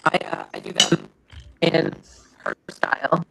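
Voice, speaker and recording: A woman's voice: low voice, wildly swooping pitch, measured pace, gravelly. A woman chatting casually on a video call, her audio crackling and cutting in and out. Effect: crackling, breaking-up call audio.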